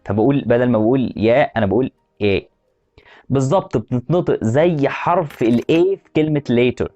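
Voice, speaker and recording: Fast-talking Egyptian man teaching pronunciation. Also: mid-range voice, expressive, warm tone, lo-fi sound, soft background music. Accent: Egyptian Arabic. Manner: patient, repeats example words slowly and asks the viewer questions. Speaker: language teacher. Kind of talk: explanatory lesson.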